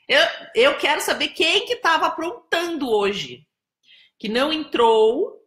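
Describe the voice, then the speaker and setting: A woman's voice: high voice, fairly bright tone, reverberant. A Brazilian woman hosting a casual live stream, chatty and teasing as she greets viewers by name. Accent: Brazilian Portuguese. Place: indoors, home in São Paulo.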